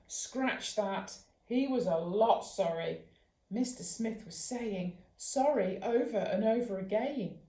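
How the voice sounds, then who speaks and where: A woman, a children's author, reading a bedtime story aloud in a lively, expressive way. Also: medium pitch. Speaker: children's author and dog trainer. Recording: roomy echo.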